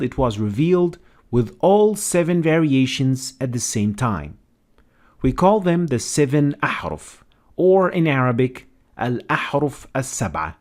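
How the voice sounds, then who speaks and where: A man narrating a scripted educational explainer in a measured, explanatory way. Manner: measured, explanatory, lively pitch.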